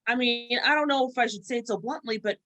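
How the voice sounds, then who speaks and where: A woman guest on a video-call panel chat, speaking frankly with halting restarts. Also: fairly high pitch, fairly bright tone, rough recording.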